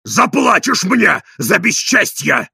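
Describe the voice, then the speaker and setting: Male reader doing a coarse bully, raspy gravelly voice, high and swooping, bright tense edge, dry close sound. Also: sing-song, no room sound, full character voice. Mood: shouting. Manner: shouting, drawn-out outraged exclamations. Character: coarse bullying middle-aged man, loud and indignant. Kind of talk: audiobook character reading.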